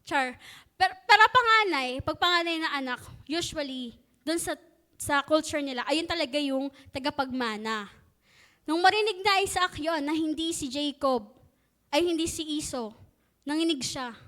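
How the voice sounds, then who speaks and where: A woman retells a Bible story to her congregation in a chatty, joking way. Her voice is high and bright, and she drops playful asides into the telling. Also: expressive, moderate pace. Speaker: Bible teacher.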